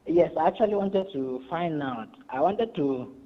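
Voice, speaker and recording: A man's voice: on the high side, expressive, normal speed. A man from Ghana calling in, speaking hesitantly and repeating himself. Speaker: caller. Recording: dull lo-fi phone call.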